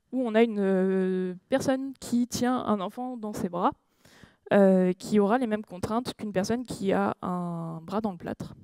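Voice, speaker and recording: Woman doing a conference talk, relaxed mellow tone, lots of euhs and restarts, asks the crowd stuff. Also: medium pitch, no room sound. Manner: hesitant, many fillers and self-corrections; engages the audience with questions. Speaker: conference speaker. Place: conference room.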